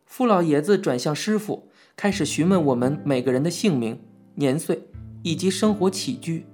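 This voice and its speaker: A man reading a novel aloud as an audiobook narrator, in a measured, even storytelling manner. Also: on the high side. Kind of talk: scripted narration.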